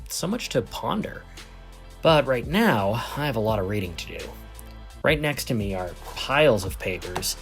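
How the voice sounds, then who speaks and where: A man's voice: on the low side, gravelly. A man playing an earnest amateur investigator, narrating his podcast in a scripted first-person style.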